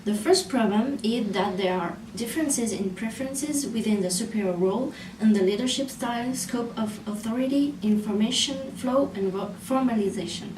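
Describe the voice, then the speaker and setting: A woman's voice: fairly high pitch, normal speed, few pauses. A woman from France with a French accent, giving a student presentation in an earnest, explanatory way. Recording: roomy echo, distant mic, background noise.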